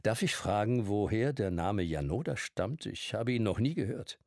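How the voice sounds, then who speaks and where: A reserved younger writer, courteous and a little stiff, as a male narrator plays him. He sits just above the reader's own low, gravelly voice, and he is heard close and dry. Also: lively intonation, normal speed, darkish tone, no room sound. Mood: polite.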